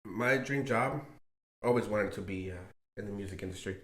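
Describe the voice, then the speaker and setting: A man's voice: fairly low pitch, moderate pace, a bit bright, roomy sound. A man hosting a casual podcast with friends, laughing often as he runs a spicy chip segment. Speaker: podcast host. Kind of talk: casual chat.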